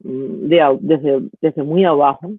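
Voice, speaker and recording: A middle-aged Cuban woman with a Cuban Spanish accent, a professor speaking as an interview guest, thoughtful and halting with many restarts. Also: low voice, steady tone, dry recording. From Cuba. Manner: thoughtful, with frequent restarts and hesitations. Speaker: guest, university professor and poet. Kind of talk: reflective storytelling interview. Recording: tinny phone-like dry line.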